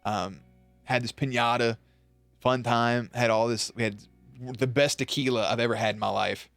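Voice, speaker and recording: A man's voice: medium pitch, moderate pace, dry recording, soft background music. A young man streaming, telling a rambling story in a loose, profane way and acting out quotes. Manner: loose, profane, animated retelling with acted quotes. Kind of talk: casual storytelling.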